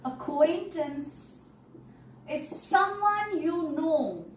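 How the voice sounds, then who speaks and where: A woman teaching an English story lesson, explaining words slowly and checking in with "okay" and "all right". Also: very high voice, animated. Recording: roomy, distant mic, faint noise.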